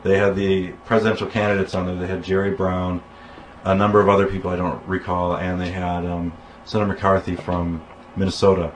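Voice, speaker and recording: A man's voice: low voice, little pitch movement, a little fast, slight background noise, rough recording. A man from the United States in casual conversation, telling anecdotes in a rambling way with restarts and quoted dialogue.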